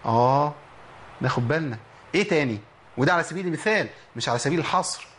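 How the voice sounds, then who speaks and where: A man's voice: a little high, slight background noise. Egyptian man teaching Quran pronunciation. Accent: Egyptian Arabic. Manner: slow drawn-out demonstration of words, lively explanatory talk. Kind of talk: teaching lesson on letter pronunciation.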